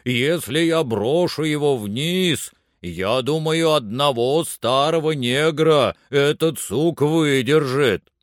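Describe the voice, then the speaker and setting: A man voicing a cautious, grumbling old servant in an audiobook, slow and plaintive. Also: fairly high pitch, lively intonation, no echo, clean studio sound, pitched above the performer's own voice. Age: older. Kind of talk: audiobook character voice.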